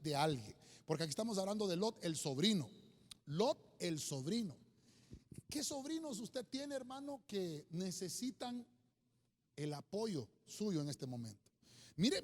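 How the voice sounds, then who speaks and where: A man preaching a sermon as a pastor, talking straight to his listeners and slowing down to read scripture with emphasis. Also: high voice, big-room sound. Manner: addresses listeners as "hermano", reads scripture slowly and emphatically. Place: church.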